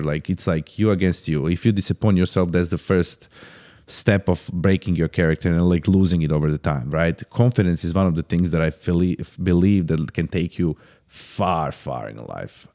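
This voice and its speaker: Podcast guest, man, 30s: low voice, laid-back, calls everyone "bro", restarts mid-thought. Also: warm tone. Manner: casual, sprinkles "bro" constantly; halting restarts while thinking. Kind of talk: casual podcast chat.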